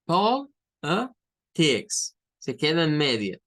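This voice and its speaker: A man teaching English pronunciation in Spanish, repeating each example word slowly and deliberately. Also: fairly high pitch, expressive, fairly bright tone. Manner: slow, deliberate, repeats example words drawn out. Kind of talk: online pronunciation lesson.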